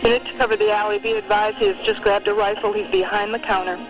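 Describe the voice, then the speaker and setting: A woman's voice: mid-range voice, sing-song, quick pace, gravelly. Woman dispatcher over police radio. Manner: clipped, urgent dispatch calls. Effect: police radio transmission. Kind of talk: archival radio traffic. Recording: muffled radio audio with music behind.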